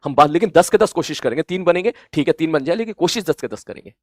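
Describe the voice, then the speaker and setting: A man teaching students in an earnest, gently scolding motivational talk, repeating points for emphasis and rising loud and high when he urges them on. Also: expressive, fast, dry recording, clean studio sound. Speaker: coaching teacher.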